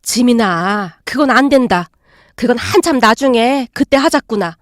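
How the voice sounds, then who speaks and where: A woman voicing a gentle, long-suffering middle-aged stepmother who speaks softly and soothingly, with slightly old-fashioned endings. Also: fairly high pitch, animated, a little slow, no echo, studio quality.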